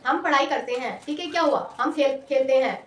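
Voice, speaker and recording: A woman tutor with a sore throat, teaching loudly and drilling students through repetition. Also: high-pitched, fairly quick, background noise. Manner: loud, repetitive drilling, call-and-response. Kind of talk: classroom lesson with call-and-response. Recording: echoey room, mic far off.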